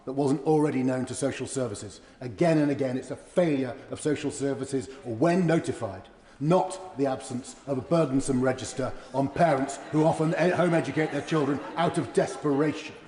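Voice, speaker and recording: A man's voice echoes around a large reverberant chamber. He argues insistently in parliamentary debate, challenging his opponent at a medium pitch. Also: a little fast, darkish tone. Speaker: member of parliament.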